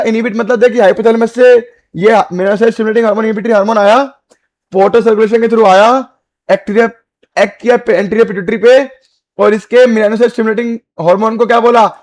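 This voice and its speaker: Male biology tutor, high voice, call-and-response drilling style. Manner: repetitive call-and-response questioning, calls students beta and bhai; drills terms by repeating them slowly. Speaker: biology teacher. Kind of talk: exam-prep lecture.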